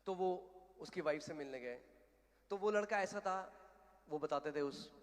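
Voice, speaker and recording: A male preacher tells a story during a sermon, speaking emphatically and building to loud declarations while slipping English phrases into his talk. His voice is fairly high and a little slow. The recording carries the long echo of a hall.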